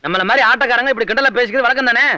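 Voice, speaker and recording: An actor playing a confident young folk dancer, self-assured and proud, in a 1980s film drama. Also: male voice, very high-pitched, racing, bright, forceful tone, dry recording, heavily acted. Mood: polite. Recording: dull lo-fi film soundtrack.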